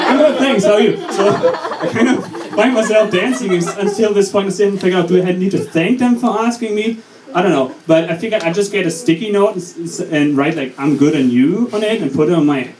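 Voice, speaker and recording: A native German speaker in his twenties, with a German accent and a voice on the high side, does stand-up at a college open mic. His delivery is deadpan, halting, and self-deprecating, and the recording is roomy and distant, with a noisy audience.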